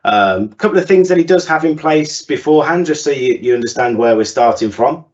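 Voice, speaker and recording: A man's voice: medium pitch, lively intonation, fairly quick, darkish tone. A man hosting a webinar, upbeat and presenting with frequent fillers. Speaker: webinar host. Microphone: video call. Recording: lo-fi webinar call audio.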